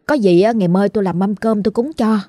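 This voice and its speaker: Brief: gruff fed-up village man, blunt and quick, as a woman narrator reads him. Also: mid-range voice, mellow, dry recording, lightly acted. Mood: irritated. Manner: blunt, irritated muttering. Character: gruff, fed-up middle-aged male villager.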